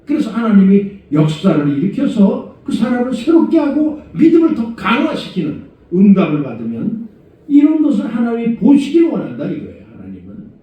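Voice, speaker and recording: Korean pastor preaching in a booming hall. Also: male voice, huge pitch swings, a little fast, mellow. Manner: conversational preaching with rhetorical questions; swings from low murmurs to raised exhortation. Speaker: senior pastor. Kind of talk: sermon. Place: church sanctuary. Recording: echoey church hall, far from mic, dull sound.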